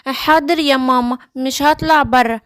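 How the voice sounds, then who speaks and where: A woman with an Egyptian accent voicing a naive little girl gazelle in a children's cartoon, with a high, pleading, childlike voice. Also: steady tone, normal speed, fairly bright tone, dry recording, clean studio sound. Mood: obedient.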